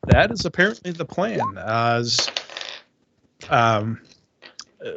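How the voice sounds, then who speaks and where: A man narrating a tabletop game as game master, unhurried and filled with "uh"s, over an online voice call. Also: medium pitch, big pitch swings, gravelly, background noise. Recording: muffled lo-fi online voice chat.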